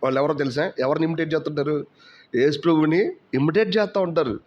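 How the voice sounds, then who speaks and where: A man preaching quickly in a slightly raised voice, firing off rhetorical questions and slipping English words into his talk. The recording sounds dull and lo-fi, with muffled highs. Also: a little mellow. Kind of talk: sermon.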